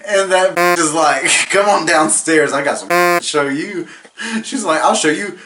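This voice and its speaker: A man's voice: a little high, a little slow, pushed and bright. A drunk man giving a casual comedic movie recap, rambling, giggly and swearing, and losing track of names as he goes. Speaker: host of a drunk movie review.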